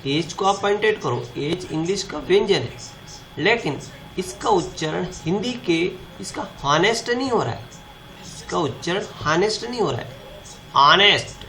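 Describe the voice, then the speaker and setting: A man's voice: high voice, lively intonation, normal speed, slight background noise. A man teaching a grammar lesson, asking the class questions and answering them himself.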